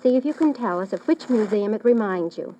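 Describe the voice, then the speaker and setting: A woman's voice: medium pitch, lively intonation, a little fast, muffled recording. A woman hosting a children's radio quiz, addressing her audience formally and with careful phrasing. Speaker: quizmaster and host. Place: radio studio. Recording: noisy old radio broadcast recording.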